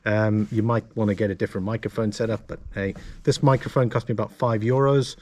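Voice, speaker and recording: A man presenting a casual gear walkthrough to camera, explaining things in a halting, self-correcting way. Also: fairly low pitch, fairly even intonation, darkish tone, slight background noise. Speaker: motovlogger and presenter.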